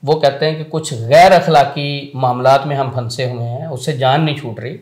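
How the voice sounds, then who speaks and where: A man's voice: medium pitch, fairly even intonation, moderate pace, darkish tone, reverberant. A man speaking as a spiritual healer on a religious talk show, explaining earnestly in numbered points and quoting sayings.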